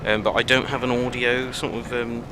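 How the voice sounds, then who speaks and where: A man hosting a casual let's play, talking in a rambling, halting way full of fillers and self-corrections, recorded at home on a headset. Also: medium pitch, level tone. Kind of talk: casual gameplay commentary. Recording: noticeable background noise.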